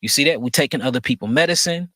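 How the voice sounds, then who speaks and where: Casting: emphatic man, bright forceful tone, dry close recording. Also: mid-range voice, very fast, no room sound. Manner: emphatic, repeats phrases, asks rhetorical questions. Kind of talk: conversational monologue.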